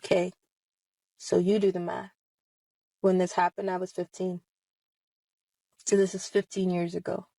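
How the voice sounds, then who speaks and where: Low, monotone and unhurried, this woman's dark voice has vocal fry and frequent pauses, captured in a dry, low-quality recording. Around thirty, she hosts online videos and speaks passionately about her personal experience directly to viewers, confronting them emphatically with rhetorical questions.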